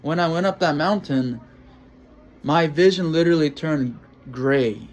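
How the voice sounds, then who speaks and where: A man vlogging in a casual monologue to camera, halting and rambling as he searches for words. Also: a little high.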